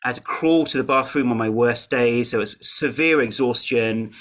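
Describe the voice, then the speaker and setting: Man, podcast guest, earnest, halting, mid-pitched. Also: a bit bright. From England. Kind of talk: interview, personal story.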